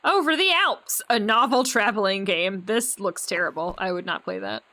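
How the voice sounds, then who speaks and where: A woman's voice: medium pitch, moderate pace, pushed and bright. A young adult woman streamer giving casual, joking commentary while playing a game, giggly and swearing casually.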